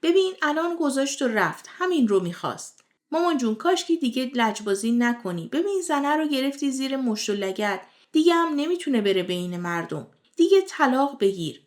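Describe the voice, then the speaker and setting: A woman with a higher-pitched voice hosts a recap of a TV drama, narrating from a script. She keeps a steady storytelling tone and passes along the characters' lines as reported speech.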